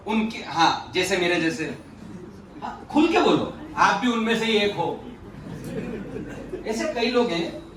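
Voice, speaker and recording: A man's voice: high voice, pushed and bright, slight background noise. A man giving a joking motivational talk to an audience at a youth leadership session and teasing the listeners with questions. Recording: roomy echoey hall from far off.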